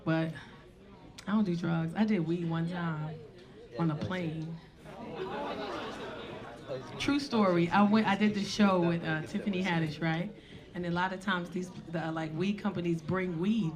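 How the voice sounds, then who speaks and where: A woman in her forties doing stand-up, telling a story in a brash, profane, animated way on a comedy club stage. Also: lowish voice, moderate pace, long pauses, a crowd in the background. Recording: live audience laughter.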